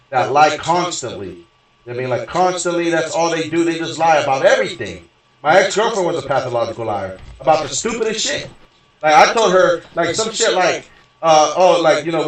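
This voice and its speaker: A man streaming a game, ranting in a rambling, profane way, stumbling over restarts and repeating "you know what I mean". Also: a little high. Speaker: gaming streamer. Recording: echoey room, voice far from mic.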